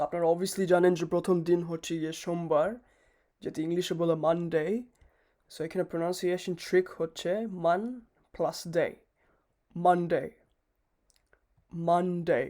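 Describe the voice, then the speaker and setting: A teacher giving a slow, deliberate pronunciation lesson, repeating each word for drilling and mixing Bengali with English words. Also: mid-range voice, level tone, a little mellow.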